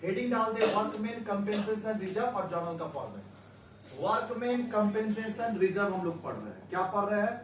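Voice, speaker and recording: A man's voice: high voice, expressive, fairly quick, a little hiss or hum. A man teaching an accounting class in a coaxing tone, asking questions and repeating them for the students to answer. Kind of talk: classroom lecture. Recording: echoey room, mic at a distance.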